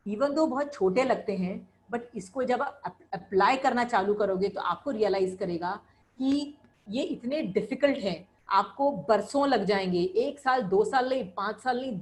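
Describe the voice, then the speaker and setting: A woman's voice: fairly high pitch, low-quality recording. A middle-aged woman giving an earnest religious lecture, mixing Hindi and English and teaching through personal anecdotes.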